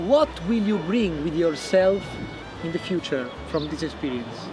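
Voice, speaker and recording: A man interviewing artists, halting and rephrasing his questions as he goes. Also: on the high side, sing-song. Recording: loud music behind the voices.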